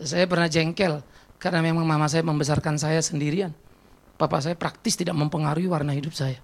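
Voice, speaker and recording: A man preaching a sermon as a pastor, telling stories and personal confessions, swinging between loud exclamations and quiet reflective passages. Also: a little high, fairly even intonation, brisk, creaky.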